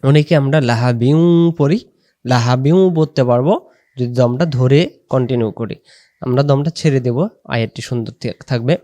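A man teaching correct recitation, patiently spelling out letters and vowel marks, then reciting slowly with long drawn-out vowels. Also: medium pitch, mellow, dry recording. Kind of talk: slow pronunciation lesson.

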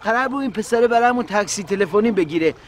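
An actor playing a grumpy, hot-tempered pilgrim who blusters and threatens, on a busy street. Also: male voice, high voice, lively intonation. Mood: blustering. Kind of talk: comedy series acting. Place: outdoors on a city street. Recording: outdoor street with crowd noise.

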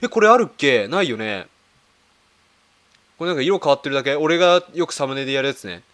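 A man's voice: medium pitch, animated, fairly quick, fairly bright tone. A man making casual reaction commentary as he browses videos, thinking aloud with lots of fillers and questions to himself. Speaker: video creator.

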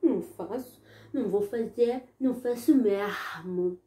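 A woman's voice: mid-range voice, measured pace, warm tone, lightly acted. A woman voicing a rude, defiant little boy in a children's story, talking in a brash way. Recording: echoey room.

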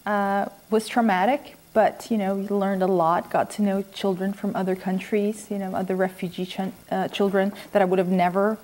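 A woman born in Iran and raised in Sweden, a children's author and former academic, answers interview questions off the cuff in a quiet room at home. Her mellow, medium-pitched voice barely shifts in pitch, and she speaks thoughtfully and haltingly, pausing between phrases.

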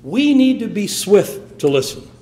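High-voiced, emphatic preacher man. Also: very animated, unhurried, warm tone, roomy sound. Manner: emphatic, rising and falling delivery. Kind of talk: sermon.

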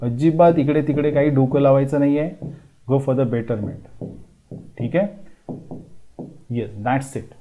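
The audio sounds phone-quality, though he wears a lapel mic: a man in his thirties with a mid-range voice who speaks slowly and pauses often. As an admissions counsellor at a classroom whiteboard, he explains admission steps in mixed Marathi and English, reassuring emphatically and saying "okay" repeatedly.

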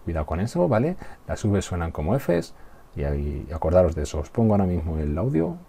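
A man's voice: low-pitched, sing-song, fairly quick, vocal fry, dark tone, breathy edge. A man from Spain with a Spain Spanish accent, giving a recorded English class and patiently checking that students follow. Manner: patient, repeats and checks understanding. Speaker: English teacher.

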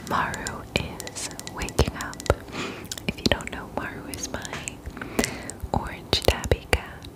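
A woman in her twenties whispering softly and close to the mic as an ASMR host, gently repeating the odd word. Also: slow, pauses often, poor audio. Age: 20s. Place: small dim room indoors. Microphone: close mic, near the mouth.

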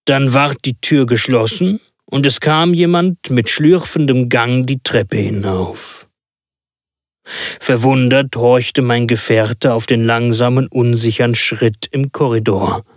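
A man narrating a classic story aloud in a steady, measured reading voice. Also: medium pitch, no room sound, clean studio sound. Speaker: audiobook reader. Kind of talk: scripted narration.

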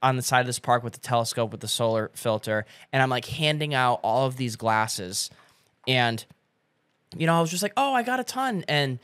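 A man's voice: mid-range voice, normal speed, a bit bright, smooth, dry recording. A young man, a podcast guest, telling a story in casual chat, acting out quotes and laughing often.

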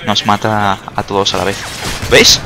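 With a fairly low pitch, flat delivery, and moderate pace, a young man from Spain with a Spanish accent narrates his let's-play as a gaming YouTuber. Faint game gunfire sounds through the noisy background, and his chatty, sarcastic commentary is broken by the odd yelp at the game.

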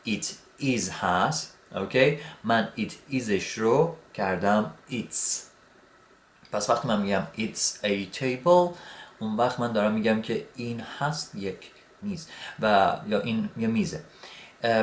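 A man teaching English grammar in a relaxed, repetitive way, saying okay often while writing on a board. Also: lowish voice, echoey room. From Iran. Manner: relaxed, repeats words, says "okay" often. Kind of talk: explaining grammar at a whiteboard.

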